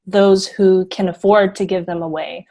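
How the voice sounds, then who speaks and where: Speaking at a moderate pace in a mellow, steady, mid-range voice, this teenage Hong Kong girl sincerely fields an interviewer's questions, sprinkling in plenty of "you know." She's on as a guest, having founded a youth fund.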